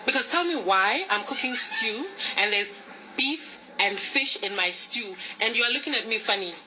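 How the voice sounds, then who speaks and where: A woman's voice: a little high, expressive, normal speed, background noise. A woman from Nigeria, ranting in a casual vlog with exasperated rhetorical questions.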